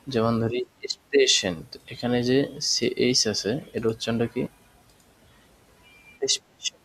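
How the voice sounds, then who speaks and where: A man's voice: mid-range voice, low-quality recording. A man teaching a language class, explaining step by step and answering his own questions. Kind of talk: spoken language lesson.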